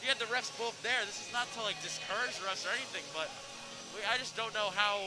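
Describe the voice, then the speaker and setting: Chatty high-voiced young color commentator. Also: male voice, brisk, loud music behind the voice, poor audio. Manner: chatty, analytical, hesitant with fillers.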